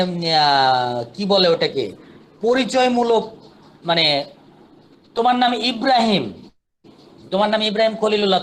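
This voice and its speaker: A man's voice: sits high, a bit bright. A man teaching a chemistry class online, patient and repetitive, counting steps aloud.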